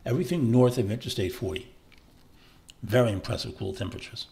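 A man's voice: medium pitch, a little fast, creaky, mellow. A man walking through weather maps in a chatty forecast, rambling and often correcting himself. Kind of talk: casual forecast walkthrough over maps.

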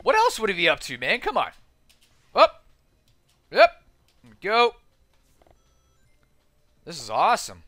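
A man giving casual, chatty let's-play commentary as he plays a game on the keyboard, excitable and self-deprecating, with frequent exclamations. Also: high-pitched, takes it slowly, long pauses, faint music behind. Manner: talks to himself while playing on a keyboard. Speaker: gaming video host.

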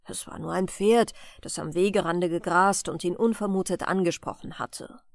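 A woman's voice: on the low side, normal speed, vocal fry, no room sound. Woman reading a bedtime story. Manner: calm, gentle storytelling. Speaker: audiobook reader.

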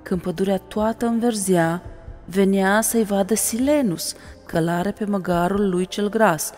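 A woman narrating an audiobook with expressive storytelling. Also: mid-range voice. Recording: reverberant room, faint music.

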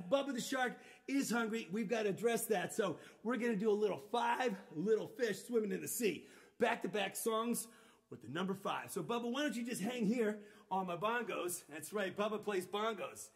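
Through a live-stream microphone, a man with a high voice and vocal fry plays a children's musician hosting a fun, upbeat sing-along for kids. Loud acoustic guitar backs him as he playfully calls out to the young listeners.

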